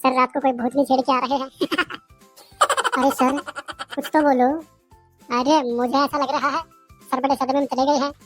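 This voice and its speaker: A man's voice: very high voice, flat delivery, moderate pace, pauses often, a bit bright, soft background music. Man voicing a giggly cheeky schoolgirl. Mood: mocking. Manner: giggling, teasing. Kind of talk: cartoon voice acting.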